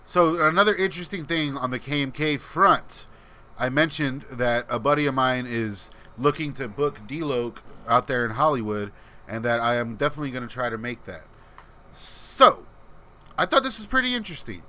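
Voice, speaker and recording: His mid-range voice moves at normal speed with lively intonation and a pushed, bright quality. He's a channel host casually reading live chat and rambling through replies, in a voice people find soothing.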